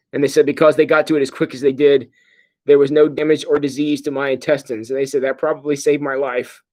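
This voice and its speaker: A middle-aged man, a pastor, giving a casual livestream update in a sedated, halting, groggy way. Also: on the high side, darkish tone. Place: hospital room.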